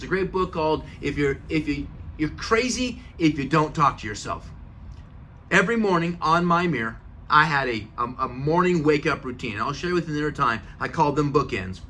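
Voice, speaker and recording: A man's voice: on the high side, sharp tone, slight background noise. A middle-aged man hosting a show, giving an earnest, emphatic motivational talk and chanting affirmations. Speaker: show host.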